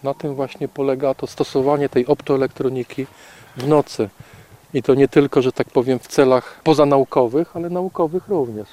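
A man guiding a night walk in the forest, calmly explaining owl behavior to a group with fillers and repeats. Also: mid-range voice, moderate pace. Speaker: naturalist guide on a night walk.

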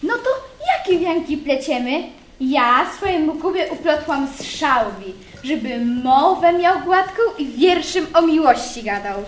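A woman's voice: high-pitched, unhurried, a little hiss or hum. A woman playing a teasing young village girl. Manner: lively, teasing rural speech. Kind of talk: amateur folk stage play. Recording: roomy hall with faint ambience.

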